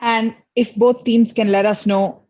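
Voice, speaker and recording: A woman's voice: fairly high pitch, flat delivery, a little slow, a little mellow. Woman, debate chair, polite procedural tone, slightly muffled call audio. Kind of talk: formal moderating. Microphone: video call. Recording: dull video call audio.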